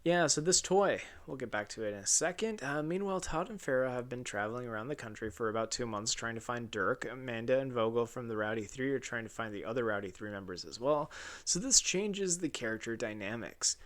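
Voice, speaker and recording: A man runs through his own video essay script without edits, speaking briskly at a normal middle pitch with a slightly bright tone. He stays casual and dryly humorous, drops the odd swear word, and begins a sentence again whenever he fumbles it.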